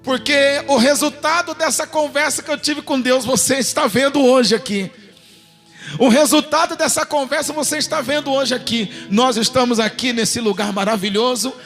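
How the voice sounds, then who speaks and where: High-voiced preacher. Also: male voice, normal speed, soft background music. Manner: dramatic storytelling, acting out quotes, shouting. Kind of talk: sermon.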